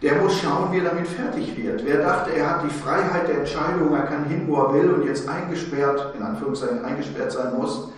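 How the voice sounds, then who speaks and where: A man preaching a sermon, telling a story and then speaking directly and earnestly to his listeners. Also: fairly high pitch. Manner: earnest, addresses listeners directly with informal you; storytelling with slow emphatic phrases. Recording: very echoey, distant mic in large room.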